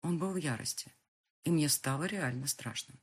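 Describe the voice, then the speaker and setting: A woman narrating a first-person audiobook with a husky voice and tense dramatic reading. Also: low-pitched, moderate pace.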